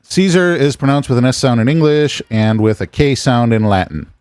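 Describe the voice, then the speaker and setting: A man's voice: medium pitch, normal speed, a little mellow, clean tone, no echo. An American man chatting casually while streaming a game, rambling and musing aloud as he plays. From United States. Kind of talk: casual gameplay chat with chat.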